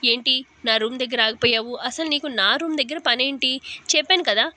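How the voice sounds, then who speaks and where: Bossy young husband, read by a woman narrator: high, bright, constantly scolding. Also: fairly quick. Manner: scolding, complaining.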